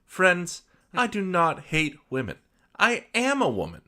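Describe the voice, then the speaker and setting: A man's voice: high-pitched, wildly swooping pitch, a little slow, sharp tone, voice pushed up, full character voice. A man putting on a prim preachy housewife author. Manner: sugary, earnest, self-righteous. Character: prim preachy middle-aged woman fan-fiction author.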